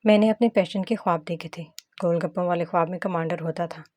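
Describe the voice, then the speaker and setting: Woman voicing a feisty sharp-tongued young wife. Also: on the low side, fairly quick, dry recording, clean studio sound, lightly acted. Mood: soft. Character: feisty young wife, quick-tempered secret agent.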